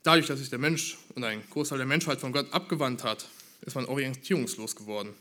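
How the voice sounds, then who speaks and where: A man delivers a sermon in an earnest, measured voice at an ordinary middle pitch, with a sharp tone. He develops his points by putting rhetorical questions to the congregation.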